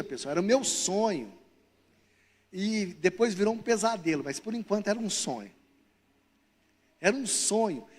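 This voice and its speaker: A Brazilian man preaching a sermon, telling humorous stories and acting out the people in them. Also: sits high. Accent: Brazilian Portuguese. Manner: humorous, acts out characters in his stories. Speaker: pastor. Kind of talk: sermon with storytelling. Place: church hall. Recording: long reverb of a church hall.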